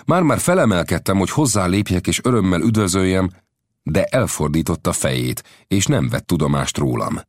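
A man narrating an adventure novel aloud as an audiobook reader, with expressive storytelling. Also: low-pitched, no echo, studio quality. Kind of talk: scripted narration.

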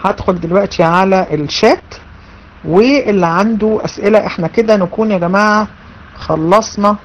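A woman's voice: mid-range voice, fairly quick, highs cut off, slight background noise. A woman with an Egyptian accent giving an online religious lesson, speaking emphatically, repeating her phrases and addressing her students directly. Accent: Egyptian Arabic. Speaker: religion teacher.

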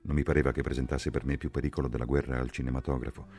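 A man reading a novel aloud in a measured, sober narration. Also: a bass voice, flat delivery, gravelly, a little mellow. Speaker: audiobook reader. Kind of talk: literary audiobook narration.

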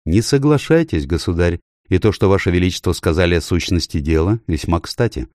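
A man reading an audiobook, voicing a calculating courtier lord who speaks smoothly and persuasively. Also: deep voice, lively intonation, fairly quick, darkish tone, no room sound, clean studio sound. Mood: sly.

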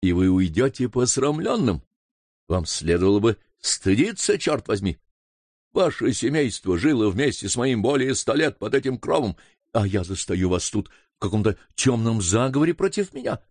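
A man's voice: fairly low pitch, very animated, moderate pace, a little mellow, no echo, studio quality. A man reading an audiobook voices a stern young baronet who speaks commandingly. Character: stern young male baronet, demanding answers.

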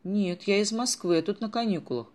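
A man voicing a timid teenage boy on holiday, talking quickly and nervously. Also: high-pitched, lively intonation, darkish tone, voice pushed up.

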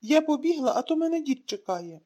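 A woman reading an audiobook, voicing a lively, chatty little girl. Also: high voice, brisk, pitched above the performer's own voice. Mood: eager.

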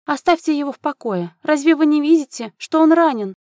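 A woman's voice: sits high, lively intonation, fairly quick, a little mellow, no echo, studio quality, pitched above the performer's own voice. A woman voicing a haughty noble countess and hysterical mother who screeches in outrage. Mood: shrill outrage.

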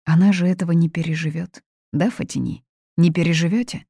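A woman's voice: lowish voice, brisk, vocal fry, mellow, breathy edge, no echo, studio quality, pitched above the performer's own voice. A woman doing a cold, blunt young woman. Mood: cold, firm. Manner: hard, cutting. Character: blunt, fearless young woman confronting a family.

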